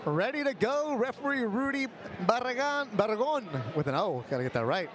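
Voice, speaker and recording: A man's voice: extremely high pitch, sing-song, a little fast. A man hosting live boxing commentary, building hype and stretching out the fighters' names. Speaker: boxing broadcast host and play-by-play commentator. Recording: loud venue noise behind commentary. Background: noisy fight venue.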